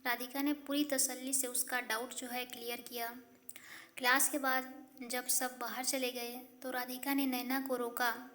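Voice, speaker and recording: A woman narrating an audio love story, reading slowly and correcting herself as she goes. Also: sits high, flat delivery, pushed and bright. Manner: slow reading with spoken self-corrections.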